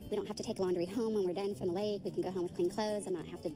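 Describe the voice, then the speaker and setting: A woman touring the house she just bought, gushing excitedly about it. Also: mid-range voice, rapid-fire, music in the background. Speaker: home buyer. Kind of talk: casual chat.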